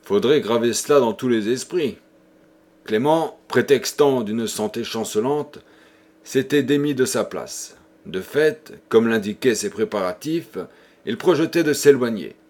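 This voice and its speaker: A man narrating a classic novel for an audiobook in a measured, literary reading. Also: medium pitch, a little mellow.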